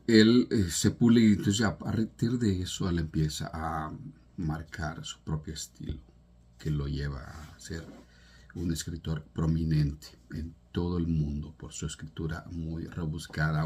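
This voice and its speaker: A man's voice: extremely low pitch, steady tone, a little slow, darkish tone, slightly rough. A man from El Salvador giving an earnest, informal talk on a poet's life and legacy, with restarts and emphatic rises. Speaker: literature presenter.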